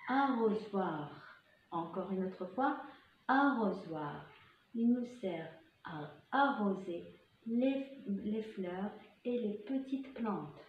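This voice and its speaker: Woman, kindergarten teacher, very slow repetition of words, echoey classroom, slightly muffled recording. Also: medium pitch, lively intonation, a little hiss or hum. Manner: slow, drawn-out repetition of single words for children to echo. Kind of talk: vocabulary lesson for young children. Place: school classroom.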